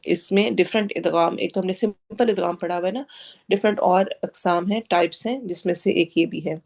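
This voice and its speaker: A woman's voice: on the low side, creaky, a little mellow. Patient woman teaching Quran recitation. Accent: Pakistani Urdu. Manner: explains pronunciation patiently, drawing out recited words slowly; mixes English words into Urdu explanations. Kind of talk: tajweed lesson, word-by-word recitation.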